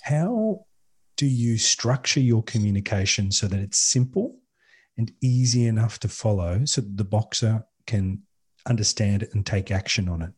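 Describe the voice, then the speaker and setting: Guy interviewer, lowish raspy voice, asks long careful questions. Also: lively intonation, normal speed, a little mellow.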